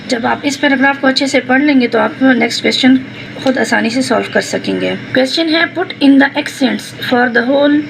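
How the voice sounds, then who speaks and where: A teacher with a Pakistani accent explains exercises in a high, gravelly, fairly bright voice, spelling out words and alternating between explanation and phrases read slowly. The recording is low quality, with noticeable background noise.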